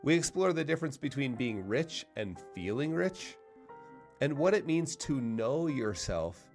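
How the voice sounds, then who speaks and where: A man at a middle pitch, hosting a podcast conversation. He speaks in a thoughtful, reflective way and often restarts a phrase before going on. Soft music plays faintly under his intro. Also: sing-song, a little slow, creaky. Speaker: podcast host. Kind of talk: conversational interview.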